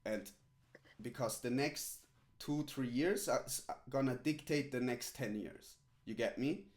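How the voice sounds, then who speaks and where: Speaking at a measured pace in a medium-pitched voice, a rambling male streamer coaches a viewer during a casual live stream. His talk is heavy on fillers, and "right?" and "literally" keep coming back.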